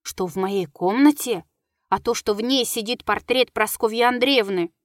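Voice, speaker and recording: A woman's voice: on the high side, normal speed, no echo, clean studio sound, lightly acted. A woman reading the lines of a frightened, humble manservant in an audiobook. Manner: pleading, deferential. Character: frightened old-fashioned male servant, humble.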